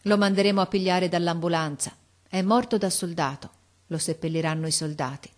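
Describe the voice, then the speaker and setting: A woman voicing a stern male cavalry officer in a storybook reading, giving loud, clipped orders. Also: on the low side, a little fast, natural voice. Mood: grieving. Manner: barked orders.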